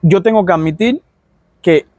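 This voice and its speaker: A man's voice: high voice, normal speed, darkish tone, no room sound. A man with a Cuban accent, a doctor from Cuba, telling stories in a casual vlog and acting out his patients' complaints.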